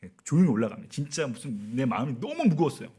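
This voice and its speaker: A man's voice: mid-range voice, very animated, fast talker, dark tone, breathy edge. A man in his forties, a missionary telling a personal story in a sermon and often asking the audience questions. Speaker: missionary preacher. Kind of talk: sermon at a prayer meeting.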